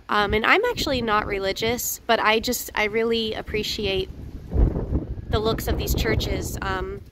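A woman vlogging casually while walking outdoors through an old town, chatty and slightly hoarse, with lots of fillers. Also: medium pitch, heavy background noise. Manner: chatty, laughs often, hesitant fillers. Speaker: travel vlogger.

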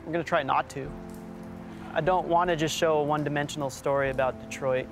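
Fairly high-pitched and fast, with vocal fry and an even tone, a man in his thirties presents a documentary and narrates voice-over. He speaks thoughtfully and casually, outdoors and in an abandoned factory, as music plays behind him.

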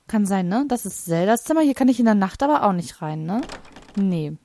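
A woman's voice: mid-range voice, expressive, fairly quick, mellow. A woman casually commenting on her own gameplay. She thinks aloud, laughs a lot and makes wry, teasing remarks. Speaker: let's play host.

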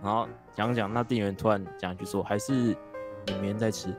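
A man, chatting casually while streaming a game and telling an animated story with some swearing. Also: fairly low pitch, fast, over music. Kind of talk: casual chat during live gameplay.

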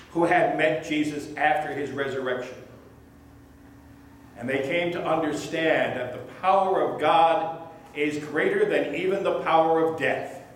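A middle-aged male pastor telling a children's sermon story slowly and gently to puppets, at a lectern in a small church. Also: fairly high pitch. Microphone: fixed camera a few feet away, lectern mic. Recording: echoey church from some distance.

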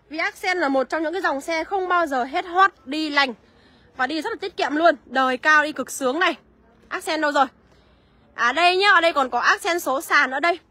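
A woman selling used cars on a live walkaround, listing prices briskly and calling out to viewers by name. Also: sits high, bright, forceful tone, no room sound. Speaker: used car seller.

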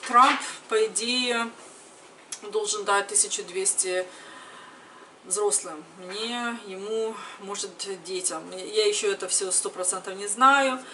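A woman in her thirties, a mother and vlogger, chats casually to camera, retelling everyday exchanges, first in her home kitchen and later in another indoor room. Her medium-pitched voice is pushed and bright, and she takes it slowly. The camera mic sits a little distance away, picking up a noisy room.

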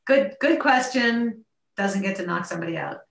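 A woman chairing a public town board meeting, talking in a halting way with many fillers and restarts, over a remote video meeting. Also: medium pitch, expressive, gravelly, echoey room.

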